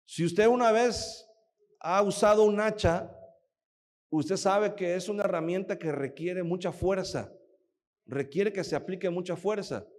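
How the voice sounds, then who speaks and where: A man's voice: high voice, unhurried. A man preaching a sermon, telling the story vividly and asking the audience rhetorical questions. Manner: animated storytelling, acts out quoted voices. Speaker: pastor.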